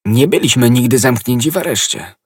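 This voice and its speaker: A man's voice: medium pitch, lively intonation, brisk, a little mellow, husky, no room sound, studio quality, voice pushed up. A man reading an audiobook, voicing a hearty, carefree musketeer who talks in a jovial, blunt way.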